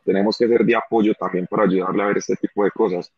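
A man's voice: lowish voice, steady tone, fast talker, husky, no room sound. A man in his thirties with a Colombian accent, an athlete speaking earnestly as an interview guest and repeating phrases for emphasis. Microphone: phone or webcam on a video call. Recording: dull lo-fi video call audio.

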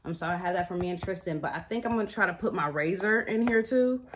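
A woman's voice: fairly low pitch, fast, slight background noise. Chatty young woman vlogging, lots of y'all. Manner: chatty, says "like" and "y'all" a lot. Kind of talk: casual vlog chat to camera. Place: apartment at home, then a store.

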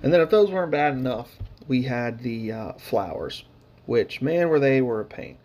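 A man's voice: mid-range voice, lively intonation, moderate pace, a little mellow, lo-fi sound. Casual rambling man, dry sarcasm. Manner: rambling, filler-heavy, dry sarcastic humor. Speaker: hobby painting vlogger. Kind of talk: casual narration over hobby footage.

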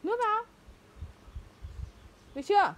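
A woman's voice: very high voice, very animated, a little slow. A mother at home, urging and scolding her child again and again to hurry. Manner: urgent, repetitive coaxing and scolding. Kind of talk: home video, coaxing a child. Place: home, indoors.

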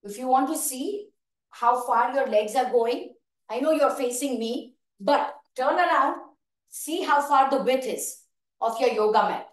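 High-pitched Indian-accented woman, echoey room. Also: unhurried. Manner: encouraging, calling out counts and cues while exercising. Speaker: fitness instructor. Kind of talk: live online exercise class instruction. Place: large open living room indoors. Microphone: video call, camera several metres away. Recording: echoey large room, away from mic.

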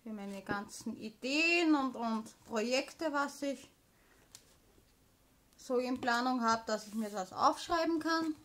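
A craft haul vlogger, a woman with a high, fairly bright voice, speaks slowly but animatedly. She chats casually, showing off her purchases and explaining them informally.

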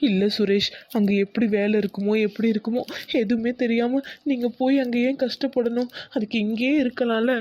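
A tearful young pregnant wife, voiced by a woman in a village cartoon. She pleads in a high voice. The sound is dry and close. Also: flat delivery, a little fast, hardly any pauses, a little mellow, no echo, dull audio, natural voice. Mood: pleading. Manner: pleading, sorrowful.

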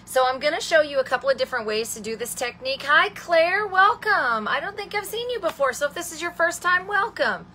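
A woman's voice: sits high, expressive, a little fast, hardly any pauses, sharp tone, a little hiss or hum. A woman hosting a live stamping tutorial, chatting with viewers, greeting them by name and calling them honey and sweetheart. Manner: rambling, with many ums and restarts. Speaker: host of a live craft stamping show.

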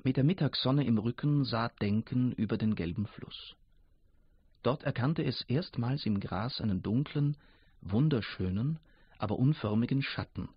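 A man narrating a fable in a measured storytelling reading for radio, in a dull lo-fi recording. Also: fairly low pitch, slightly rough, no room sound.

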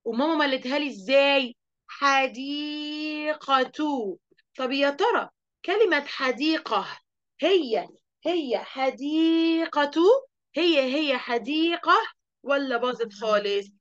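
A woman with an Egyptian accent teaching an online lesson to young children, lively and asking the class questions she then answers. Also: high-pitched, unhurried, muffled recording. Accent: Egyptian Arabic. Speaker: primary school teacher.

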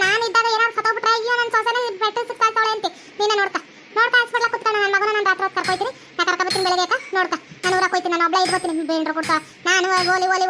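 A woman voicing a fierce, foul-mouthed young daughter-in-law in a cartoon, hurling insults in a North Karnataka Kannada accent. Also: very high-pitched. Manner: defiant, insulting, rapid. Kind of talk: cartoon voice acting.

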